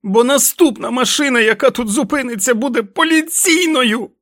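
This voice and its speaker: A man reading the part of a furious, exhausted boy who shouts himself hoarse in the rain, in a storybook reading. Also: mid-range voice, moderate pace, dry recording, clean studio sound, close to an everyday voice. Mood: furious shouting. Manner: shouting, frantic.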